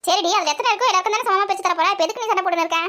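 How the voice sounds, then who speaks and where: A woman with a very high, sharp-toned voice plays a busy mother in a comic family skit, scolding and teasing her two daughters. She sounds bossy, quick and teasing.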